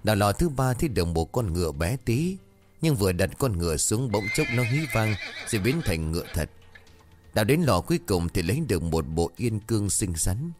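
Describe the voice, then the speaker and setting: A man narrating a folk tale in an even, measured reading. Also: lowish voice, over music. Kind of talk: storybook narration.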